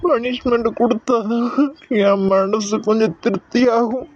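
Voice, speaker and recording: A man plays a young police husband in a cartoon drama, full of remorse and pleading apologies. He talks slowly, and the voice sounds dull and dry, as if recorded close with no room. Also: very high-pitched, fairly even intonation, a little mellow, dry recording. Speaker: husband character.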